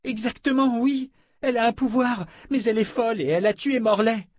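Man voicing a cowardly young thief, pitched up high, pleading. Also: normal speed, a little mellow, no echo. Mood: panicked pleading. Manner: pleading, panicky, near tears. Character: frightened young male thief, whiny.

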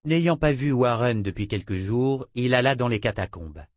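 A man narrating a fantasy novel in a steady, even storytelling manner. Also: medium pitch, normal speed, no room sound. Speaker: audiobook narrator. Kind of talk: scripted narration. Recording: dry close recording.

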